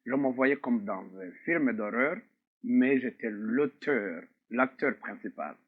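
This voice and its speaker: Grave, slow-spoken man, tinny sound. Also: medium pitch, expressive, slightly rough. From Rwanda. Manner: measured and grave, with frequent pauses. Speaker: interview guest, author and survivor. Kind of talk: slow, reflective personal testimony.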